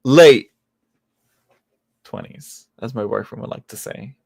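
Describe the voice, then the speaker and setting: A man's voice: medium pitch, slow pace, creaky, darkish tone. A man in his late twenties, a tarot reader chatting casually on a live stream, rambling and joking at himself with many restarts. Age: late 20s.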